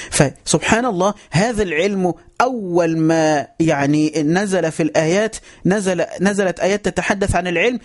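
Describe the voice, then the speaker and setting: Egyptian male religious teacher, high voice, quick delivery, emphatic and repetitive, keeps calling for listeners' attention. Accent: Egyptian Arabic. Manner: emphatic, repeats phrases, keeps telling listeners to pay attention. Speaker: Islamic teacher. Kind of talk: religious lesson on a voice chat app.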